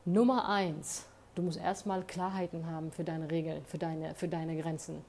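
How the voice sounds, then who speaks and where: A woman's voice: deep voice, steady tone, moderate pace, darkish tone, slight background noise. A woman talking straight to her phone camera in a room, giving earnest, emphatic motivational advice and often checking in with tag questions. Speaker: advice vlogger. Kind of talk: motivational monologue. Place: indoor room.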